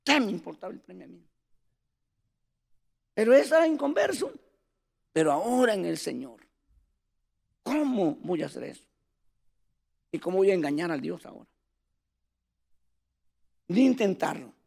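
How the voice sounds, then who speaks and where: Male preacher, sermon, high voice, gravelly, animated storytelling, calls listeners brothers. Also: normal speed, long pauses.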